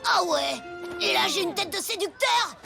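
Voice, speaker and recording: A gravelly skeptical schoolboy sidekick. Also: female voice, very high-pitched, lively intonation, normal speed, music in the background, exaggerated voice. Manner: doubtful, sarcastic.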